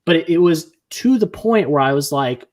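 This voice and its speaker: A man's voice: fairly high pitch, normal speed. Earnest rambling man hosting a livestream. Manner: earnest, rambling, animated when frustrated. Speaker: livestream host. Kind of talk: casual livestream chat.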